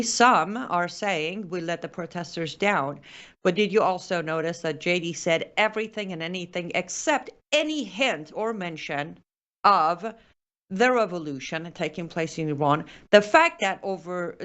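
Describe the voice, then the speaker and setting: Hosting a political commentary show, this woman makes her case step by step, sarcastic and emphatic. Her voice sits on the low side with a fairly bright tone.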